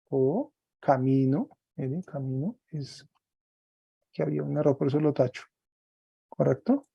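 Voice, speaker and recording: A man teaching a Greek class online, explaining slowly step by step and often checking with "¿cierto?". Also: a little high, vocal fry, warm tone, breathy edge, dry recording.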